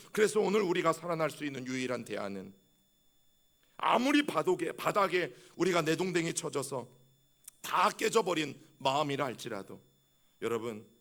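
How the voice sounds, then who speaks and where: A man's voice: mid-range voice, gravelly, a bit bright. A middle-aged male senior pastor preaching a sermon with passion, often calling out to his congregation and acting out heartfelt prayers. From South Korea. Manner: impassioned preaching with repeated direct address to the congregation; acts out heartfelt prayers aloud.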